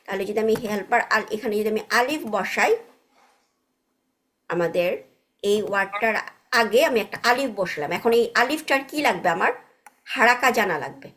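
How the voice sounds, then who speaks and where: A woman teaching a grammar class at a slightly higher pitch. She explains step by step and checks in with the class after each point, mixing English terms into her talk. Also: normal speed, fairly bright tone. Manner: patient, checks understanding with frequent tag questions; mixes English words into explanations.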